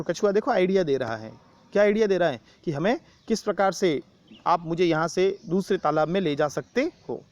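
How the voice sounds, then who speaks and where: A man teaching an online Sanskrit lesson, explaining each word in Hindi with a Rajasthani Hindi accent, patiently repeating words and asking questions. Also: a little high. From India.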